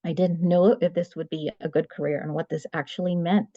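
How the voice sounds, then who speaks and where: A woman in her forties from Trinidad and Tobago, giving a measured, explanatory webinar talk as guest speaker over a video call. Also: on the low side, fairly even intonation, mellow, no echo, lo-fi sound. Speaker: guest speaker, medical writer. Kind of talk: webinar presentation.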